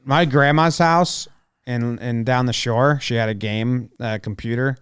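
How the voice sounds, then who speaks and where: A man's voice: mid-range voice, steady tone, unhurried, fairly bright tone, smooth, no echo. A man, talking casually as a podcast co-host. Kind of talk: casual podcast banter and ad reads.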